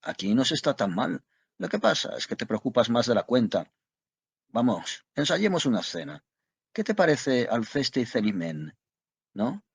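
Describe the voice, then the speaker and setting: Pompous washed-up stage actor with a husky voice and big declamatory swings, a man doing the part. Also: mid-range voice, sing-song, moderate pace, no room sound, exaggerated voice. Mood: grandiloquent. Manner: florid, declamatory, playful. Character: theatrical, grandiose male French ex-actor.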